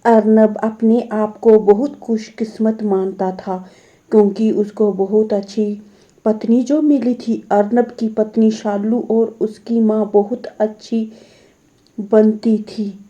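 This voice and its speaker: A woman narrating a family story in a slow, measured reading, on a dull lo-fi recording. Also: mid-range voice, fairly even intonation, dark tone.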